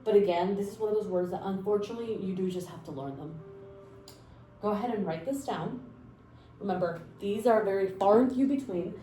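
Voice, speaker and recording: This 20-something Mexican language teacher speaks fairly quickly in a medium-pitched, warm voice. Her casual lesson is chatty and encouraging, sprinkled with fillers and asides, and the audio carries a roomy echo over faint music.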